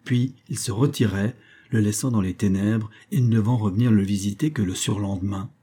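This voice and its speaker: Male audiobook narrator, husky timbre, measured somber storytelling. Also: lowish voice, dark tone. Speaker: audiobook reader. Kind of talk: scripted narration.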